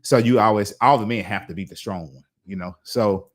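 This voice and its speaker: Podcast host, male, lowish voice, reflective, casual conversational delivery with restarts. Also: fairly quick, a little mellow. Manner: reflective, talks in restarts and asides. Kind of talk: casual interview chat.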